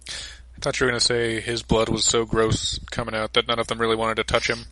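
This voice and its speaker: A man's voice: lowish voice, completely flat delivery, fairly quick, sharp tone, no echo, poor audio. Man tossing in dry jokes. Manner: dry, joking interjections. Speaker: podcast co-host. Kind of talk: casual chat.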